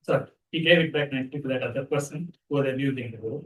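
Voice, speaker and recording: Man giving an animated spiritual talk. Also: mid-range voice, rapid-fire. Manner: animated storytelling, conversational. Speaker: spiritual teacher. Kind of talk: spiritual discourse. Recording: roomy sound from a distant mic.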